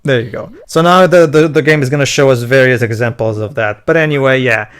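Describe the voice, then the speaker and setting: Halting man hosting casual game commentary. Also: medium pitch, a bit bright, clear, resonant tone. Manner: halting, repeats words. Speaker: host of a video game commentary.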